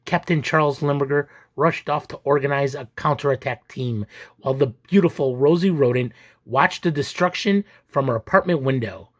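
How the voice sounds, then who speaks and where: A man reading a children's picture book aloud as an expressive, deliberate, theatrical storyteller. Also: mid-range voice. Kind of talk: expressive dramatic read-aloud narration.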